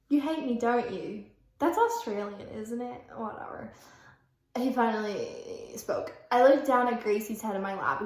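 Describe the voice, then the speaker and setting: A woman's voice: mid-range voice, darkish tone. A young woman reading her old fan fiction aloud in a casual vlog. She breaks off with self-mocking asides, corrects her own reading and fills her talk with "like". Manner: chatty, fills speech with "like". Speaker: vlogger. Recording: roomy echo.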